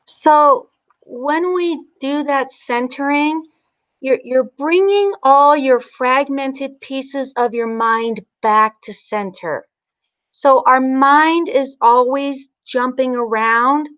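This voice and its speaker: A woman teaching mindfulness and guided breathing in an informal, instructional way, leaving pauses between her phrases. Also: high voice, fairly bright tone, clear, resonant tone, dry recording. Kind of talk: guided breathing meditation and informal spiritual talk.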